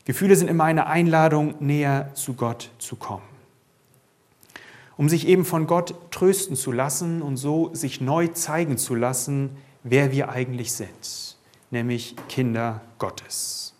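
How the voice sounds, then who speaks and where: A man preaching a sermon in an earnest, conversational way, often adding quick tag questions. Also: medium pitch, fairly even intonation, darkish tone.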